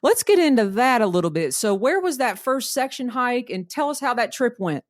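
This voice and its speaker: A woman's voice: fairly high pitch, big pitch swings, moderate pace, no echo, studio quality. A woman hosting a casual interview in an informal, encouraging way. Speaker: podcast host interviewing a guest.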